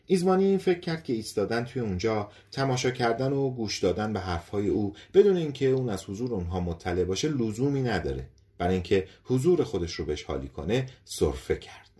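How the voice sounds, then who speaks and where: A man narrating an audiobook story in an expressive storytelling reading. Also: fairly low pitch. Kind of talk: scripted narration.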